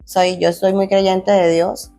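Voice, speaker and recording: A woman's voice: medium pitch, level tone, slow pace, gravelly, mellow, faint music behind. A young adult woman, a former athlete turned fitness coach, earnestly tells her life story in an interview, often restarting phrases and acting out quoted dialogue. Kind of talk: emotional personal storytelling.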